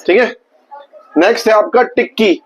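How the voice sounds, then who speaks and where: A male teacher giving a classroom vocabulary lesson, quizzing his students and slowly repeating each word. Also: sits high, crowd noise, rough recording.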